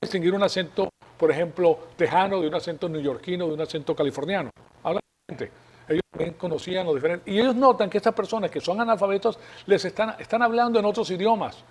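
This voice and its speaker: Male preacher, fairly high voice, patient explanatory sermon delivery. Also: quick pace, a little hiss or hum. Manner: explanatory, rhetorical questions to congregation. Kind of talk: Bible teaching sermon.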